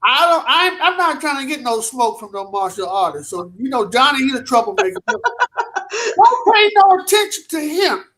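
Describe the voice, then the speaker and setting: High, bright joking man from DC. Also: very animated, normal speed. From Washington DC. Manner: joking, playful banter. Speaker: co-host.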